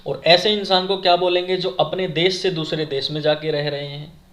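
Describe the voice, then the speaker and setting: A man's voice: fairly high pitch, flat delivery, normal speed, fairly bright tone. A man teaching exam vocabulary, asking questions and repeating the answers to his viewers. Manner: asks questions then repeats the answer, addressing viewers as friends. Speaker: exam-prep English teacher. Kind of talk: classroom lesson, explaining words.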